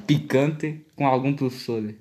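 A man's voice: mid-range voice, measured pace, warm tone, slight background noise. A young man with a European Portuguese accent in casual banter with friends, reading out party questions and swearing in slang. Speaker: podcast co-host reading out game questions.

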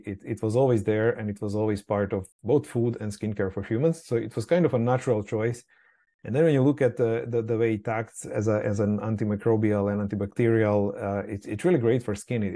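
With a fairly low, mellow voice, a Croatian man who founded a skincare company chats casually as an interview guest. He sounds hesitant, frequently repeating words and leaning on fillers.

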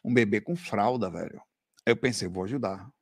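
In a lowish, slightly rough voice that runs a little fast, a Brazilian man fields viewer questions on a relaxed live stream. He tells animated stories, laughs often, and peppers his speech with "velho" and "cara," in a dry, studio-quality recording.

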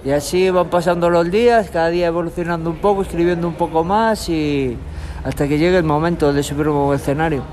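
Galician street musician, relaxed and chatty. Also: male voice, fairly high pitch, fairly quick. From Galicia, Spain. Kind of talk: street interview. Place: tunnel in a city park, outdoors.

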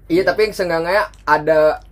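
A young man in casual podcast chat, talking in slangy, halting, earnest bits. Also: a little high. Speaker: podcast co-host.

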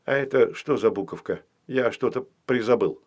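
A man voicing an excitable, boastful little boy doll in a children's audiobook, loud and eager. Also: medium pitch, moderate pace, lightly acted. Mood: excited.

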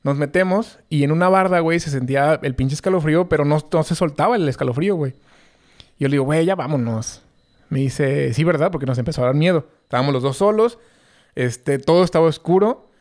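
A man's voice: on the high side, fast talker, darkish tone. Slangy young Mexican man telling a story. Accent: Mexican Spanish. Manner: slangy, rambling, many fillers. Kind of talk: casual chat.

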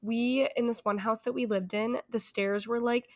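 A young woman co-hosts a podcast in a slightly high voice. She tells stories in a teasing, casual way and easily breaks into laughter. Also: steady tone, normal speed, a little mellow. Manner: teasing storyteller, prone to laughing fits. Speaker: podcast co-host. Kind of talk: casual chat.

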